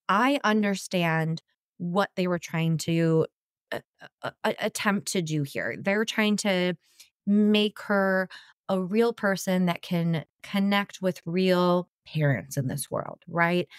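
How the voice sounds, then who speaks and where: A woman's voice: lowish voice, no room sound, clean studio sound. A woman co-hosting a political podcast, talking casually and restarting her thoughts as she goes. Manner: conversational, quick asides and restarts. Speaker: podcast co-host.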